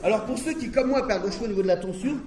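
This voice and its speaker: Brief: male stand-up comic, pun-heavy storytelling, higher-pitched voice, heard from a distance. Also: rapid-fire, darkish tone. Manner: wordplay-driven, conversational storytelling. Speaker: stand-up comedian. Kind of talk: stand-up comedy routine. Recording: roomy, distant, noisy stage recording.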